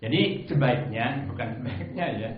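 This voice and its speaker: A man teaching Quran recitation in a prayer room, explaining calmly and chanting verses slowly. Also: mid-range voice, crowd noise. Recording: very echoey, phone-like sound.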